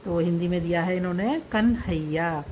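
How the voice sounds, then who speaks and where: Woman, patient teacher, very slow pace, repeats and spells out words, slight room noise. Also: mid-range voice, darkish tone. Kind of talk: slow explanatory script lesson.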